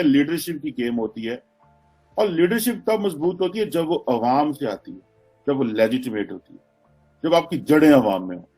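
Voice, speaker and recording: Guy panelist on a talk show, lively and teasing, kinda high voice, soft music behind. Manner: animated, teasing questions to the host. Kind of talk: political talk show discussion.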